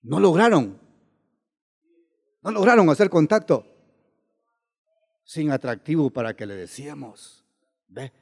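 Male preacher, mid-high voice, keeps questioning the congregation, recorded in a reverberant church hall. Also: lively intonation, unhurried, creaky, pauses often. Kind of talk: sermon.

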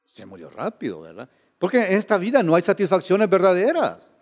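A male preacher with a high, very expressive voice that climbs and falls as he delivers a sermon. He stumbles over and repeats words and keeps asking the congregation rhetorical questions. His voice rings with the long echo of a big hall. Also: brisk.

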